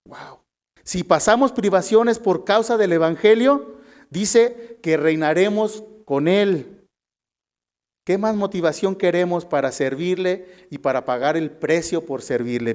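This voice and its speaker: Man, Mexican Spanish accent, preacher, unhurried sermon delivery, higher voice. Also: darkish tone. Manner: addresses listeners as brothers, reads scripture aloud.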